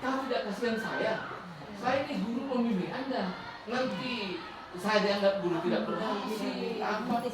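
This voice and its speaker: Woman voicing a pleading guilt-tripping teacher, quiet and low; distant mic, crowd noise. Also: normal speed, lightly acted. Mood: plaintive. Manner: soft, plaintive guilt-tripping. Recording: echoey room, mic far off, crowd noise.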